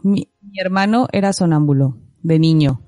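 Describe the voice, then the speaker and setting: A woman co-hosts a podcast, chatting casually, telling stories in which she acts out scenes and laughing often. Her low voice is mellow at normal speed, with no room sound and soft music in the background.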